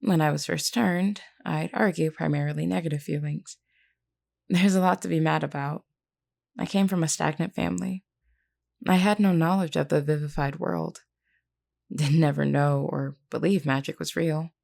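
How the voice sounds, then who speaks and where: In an intimate audio roleplay, a woman plays a vampire queen with a low voice for a woman, a clear creak, and a steady, exaggerated delivery. She addresses a single listener gently and candidly, using measured, reassuring, formal words in a wistful mood.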